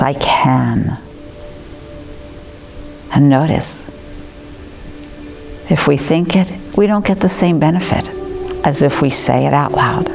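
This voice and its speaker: Slow, soothing woman yoga teacher. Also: fairly low pitch. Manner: gentle, encouraging, soothing. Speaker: chair yoga instructor. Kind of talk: guided class instruction. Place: community arts center class room. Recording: music playing behind.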